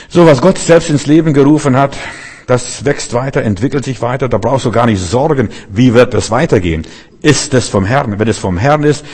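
Husky-voiced man preaching a folksy sermon. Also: lowish voice, darkish tone. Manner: talks straight to the listener, keeps asking "weißt du?". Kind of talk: informal sermon.

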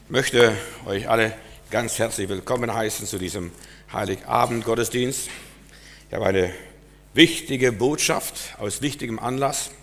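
Low-voiced pastor preaching a sermon. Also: male voice, unhurried, a bit bright. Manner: earnest preaching, prayerful, rhetorical questions. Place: church service.

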